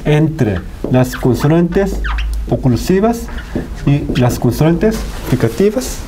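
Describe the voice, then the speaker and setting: A man giving a phonetics lecture, slowly repeating example words over and over. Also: a little high, big pitch swings, background noise. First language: Korean. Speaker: university lecturer.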